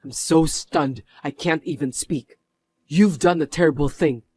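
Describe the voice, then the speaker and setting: A man's voice: fairly high pitch, unhurried, a little mellow, lightly acted. A man playing a stern company executive who scolds his mother with a firm manner in a dubbed drama. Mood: indignant.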